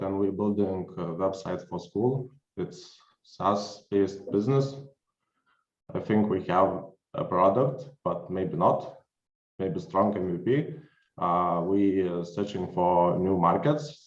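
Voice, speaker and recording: A man with a Lithuanian accent, a startup founder, pitching in short sentences. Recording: echoey, muffled call audio.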